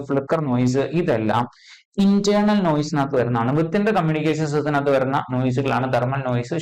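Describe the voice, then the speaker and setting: A man's voice: medium pitch, a little mellow, rough recording. Man, exam-prep physics lecture, repeats key terms, frequent check-ins. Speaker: physics teacher.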